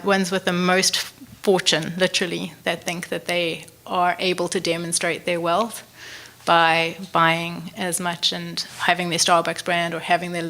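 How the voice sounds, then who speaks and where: A woman's voice: on the low side, bright, forceful tone. A woman panelist answering an audience question bluntly and emphatically in a lecture room. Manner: blunt, emphatic, quick to push back.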